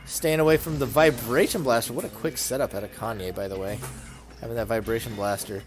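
A man commentating a video game tournament, calling the action play by play with brisk, excited energy. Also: medium pitch, slight background noise.

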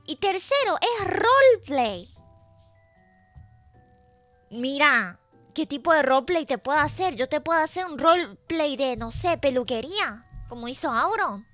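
High bright playful woman streamer. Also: very animated, a little slow, dry recording, soft background music. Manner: playful, teasing, reads chat aloud. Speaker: VTuber streamer. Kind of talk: casual livestream chat.

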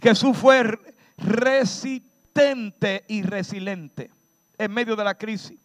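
A man, a pastor, preaching a sermon with shouted peaks and dramatic slowdowns. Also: sits high, steady tone, dry recording. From Dominican Republic.

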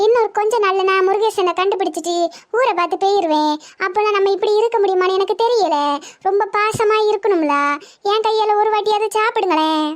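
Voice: very high-pitched, brisk. A voice actor playing a sly young village woman who sweet-talks the others, in a cartoon comedy. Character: scheming young village woman poisoning the sisters.

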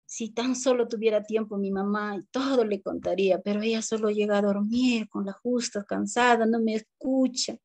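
A woman with a Peruvian accent voicing a lonely, sad little boy who speaks softly and plaintively. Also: mid-range voice, fairly even intonation, normal speed, few pauses, close to an everyday voice. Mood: sorrowful. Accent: Peruvian Spanish. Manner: soft, plaintive, self-pitying.

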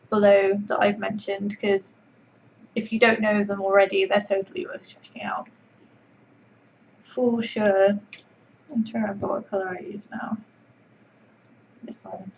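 A woman sculptor talks through a livestream while painting, her voice gravelly with vocal fry. She rambles in an even, flat tone with lots of fillers. The audio is dull and lo-fi, with faint noise underneath. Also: medium pitch. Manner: chatty, rambling, full of fillers.

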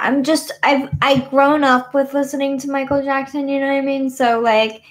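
A woman's voice: high-pitched, a bit bright. A woman in her twenties chatting casually on a webcam stream from her bedroom, rambling with lots of fillers. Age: 20s. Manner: rambling, many fillers like "you know what I mean". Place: small bedroom, indoors. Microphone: webcam at desk.

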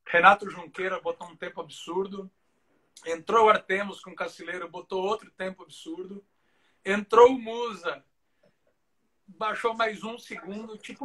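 Chatting through a relaxed live interview, this male show jumper recounts anecdotes, constantly dropping in "cara" and "né." His voice sits high, sounding bright and forceful.

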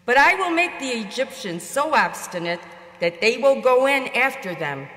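A woman in her sixties reading scripture as a church lector, deliberate and declamatory, with cathedral echo. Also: on the high side, very animated, bright, forceful tone. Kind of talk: scripture reading and responsorial psalm. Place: inside a church, at the lectern. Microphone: lectern gooseneck microphone.

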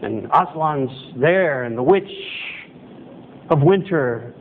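A middle-aged man delivers a sermon to his chapel in a loose, conversational manner, stopping to correct himself and acting out quoted voices. His voice sits a little high. The recording is thin and phone-like, with a faint hiss underneath. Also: animated, takes it slowly. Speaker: pastor. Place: church chapel hall with projector screen, indoors. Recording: tinny phone-like sound with faint noise.

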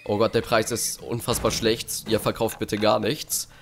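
A man's voice: fairly low pitch, little pitch movement, moderate pace, creaky, slight background noise. A man giving casual let's play commentary with sarcastic, dry asides. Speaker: let's player.

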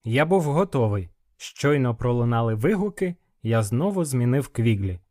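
A male audiobook narrator reading a fantasy story in the first person. His voice sits at a middle pitch, and the telling is even and measured.

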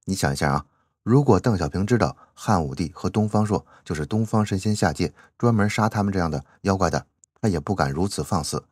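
A man's voice: deep voice, lively intonation, fairly quick, husky, no room sound, studio quality. A man giving chatty commentary as he reads out a classic novel, drawing out his sentence-final particles. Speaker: channel host.

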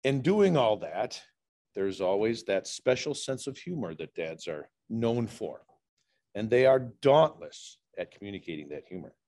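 Middle-aged man telling dad jokes, lively intonation. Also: lowish voice, measured pace. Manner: telling dad jokes with setups, punchlines and chuckles. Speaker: speaker at a public speaking club. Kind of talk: humorous prepared speech, telling dad jokes. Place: large indoor meeting room with low ceiling.

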